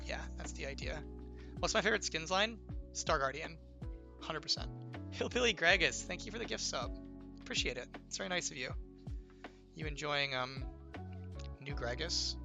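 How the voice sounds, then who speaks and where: In a relaxed livestream Q&A, a young game designer explains things in a rambling way, leaning on "like" and "right?" and teasing his viewers. Heard over music, his slightly ill-strained voice is on the high side and creaky, measured in pace with long pauses.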